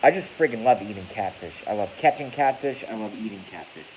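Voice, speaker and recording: A fast-talking YouTube streamer from Massachusetts, in his thirties, speaks in a lowish voice with lively intonation. He rants casually and profanely on a live stream, rambling and repeatedly correcting himself, over dull lo-fi audio with a faint hiss.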